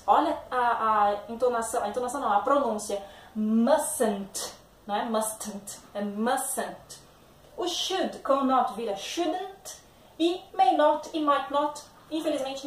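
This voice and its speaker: A woman teacher gives a patient classroom lesson at a whiteboard, checking in with her students often. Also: high voice. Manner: patient, explanatory, checks in with "né?" and "tá, gente?". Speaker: English teacher. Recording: echoey room, mic at a distance.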